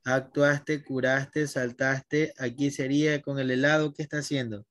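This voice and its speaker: A man's voice: medium pitch, level tone, a little slow, fairly bright tone, dry recording, clean studio sound. A man teaching a language class online, patiently guiding his students by name.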